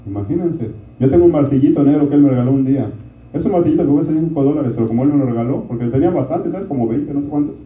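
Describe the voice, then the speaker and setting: A man's voice: medium pitch, rapid-fire. A middle-aged man preaching a conversational sermon. He keeps asking the congregation "right?" and calls them "brothers". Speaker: pastor. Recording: distant, roomy, dull lo-fi sound.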